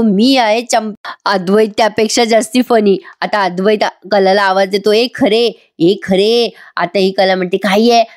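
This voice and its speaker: A woman's voice: medium pitch, a little mellow. A woman with a Marathi accent giving a voice-over review, retelling a TV serial episode and reading each character's lines with light expression.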